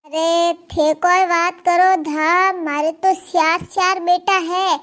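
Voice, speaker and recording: Cartoon old Marwari granny, played by a woman, piercingly high voice, endlessly grumbling about her family. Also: little pitch movement, takes it slowly, a bit bright, heavily acted. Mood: complaining. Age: older. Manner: complaining, scolding. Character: grumbling old grandmother with four sons. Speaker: cartoon character. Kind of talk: cartoon comedy dialogue.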